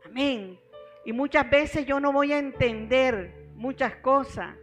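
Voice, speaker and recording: A middle-aged woman pastor delivers a sermon at an unhurried, deliberate pace. Her voice sits fairly high, and she weaves personal stories in while speaking to the congregation as beloved brothers. Soft music plays faintly underneath. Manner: storytelling preacher, addresses the congregation as beloved brothers.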